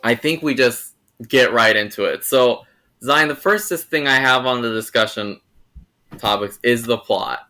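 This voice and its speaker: Bright-voiced young man rambling casually. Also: medium pitch, measured pace, faint music behind. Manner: rambling, restarts and hedges. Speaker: host. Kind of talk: casual film review chat.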